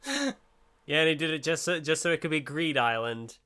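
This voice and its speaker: A man's voice: on the high side, very animated, moderate pace, pushed and bright, clean tone. A man co-hosting a podcast in casual chat, chiming in and agreeing. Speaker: podcast co-host.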